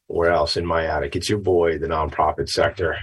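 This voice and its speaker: A middle-aged man with a gravelly, slightly tired voice, hosting a show in an informal, chatty, folksy way. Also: a bass voice, fairly even intonation, fairly quick. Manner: folksy, chatty, self-branding patter. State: a little tired after a late night. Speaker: show host. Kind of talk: informal upbeat talk-show monologue.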